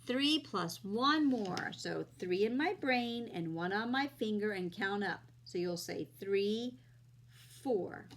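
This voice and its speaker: A woman's voice: medium pitch, lively intonation, slow pace, slight background noise. A woman teaching young children like a kids' show host, explaining simply step by step and asking her listeners questions.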